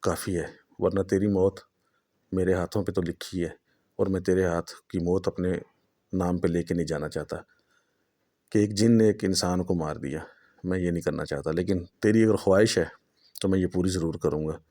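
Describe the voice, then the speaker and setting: Guy doing a deep mellow jinn dude, stern, threatening and scornful. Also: fairly even intonation. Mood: warning. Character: powerful male jinn, stern and defiant.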